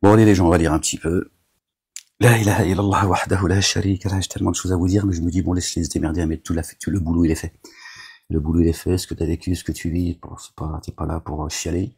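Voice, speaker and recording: A man's voice: low voice, flat delivery, racing, vocal fry, mellow, husky. A man delivering a rambling, agitated monologue to his viewers, scolding them as a self-styled preacher, with constant verbal tics.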